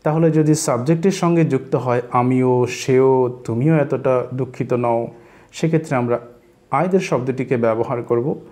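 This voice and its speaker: Guy teaching spoken english, says each example sentence slow and careful. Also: medium pitch, dark tone. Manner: explains in Bengali mixing in English phrases.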